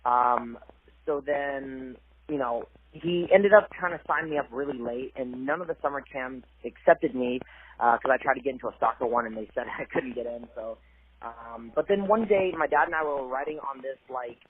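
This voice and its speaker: In a phone interview, a young man from Cambodia who plays college sports speaks earnestly and a little hesitantly, using fillers in a soft-spoken way. His voice sits at medium pitch and normal speed, and the line is tinny with a faint hiss.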